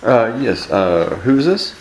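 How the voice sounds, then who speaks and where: A man's voice: mid-range voice, sing-song, takes it slowly. A man calling a customer service line, talking casually, a little hesitant but persistent. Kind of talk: casual phone inquiry. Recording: echoey room, clear background noise.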